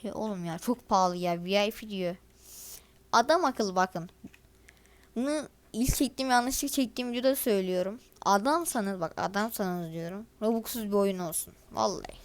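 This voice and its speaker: A woman's voice: medium pitch, moderate pace. A teenage girl, casually commenting over her gameplay in a chatty, grumbling way and talking straight to her viewers. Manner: chatty, grumbling and exasperated, addresses viewers directly. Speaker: gaming video creator.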